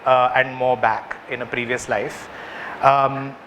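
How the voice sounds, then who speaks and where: A man's voice: mid-range voice, level tone, takes it slowly, pushed and bright, a little hiss or hum, rough recording. A man with a South Indian accent presenting work to clients in a conversational way, often checking in with short rhetorical questions. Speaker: advertising agency presenter.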